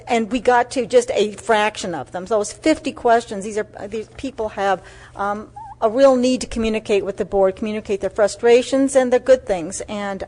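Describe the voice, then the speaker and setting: A woman's voice: medium pitch, a little mellow. A woman giving a closing statement as a school board candidate, sincere and hesitant, with many ums.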